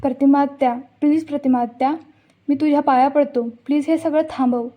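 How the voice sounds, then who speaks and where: A woman's voice: high-pitched, steady tone, brisk, dark tone, natural voice. A woman reading a begging young man. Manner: plain reading of quoted lines. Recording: dull lo-fi recording.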